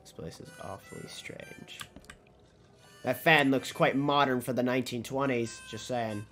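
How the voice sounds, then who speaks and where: Male game streamer, mid-pitched, casual and musing, occasional swearing, faint music behind. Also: measured pace, fairly bright tone. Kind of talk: casual gameplay commentary.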